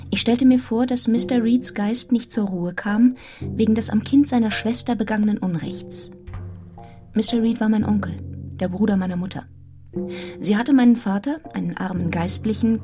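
A woman's voice: mid-range voice, lightly acted. An actress narrating a literary audio drama as a grown woman reflectively recounting a grim orphan childhood.

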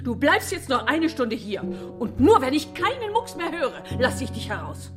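An actress playing a stern, cold middle-aged aunt in an audio drama, scolding in a theatrical, hammy stage manner. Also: female voice, high voice, big pitch swings, normal speed. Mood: stern, scornful. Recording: music behind the voice.

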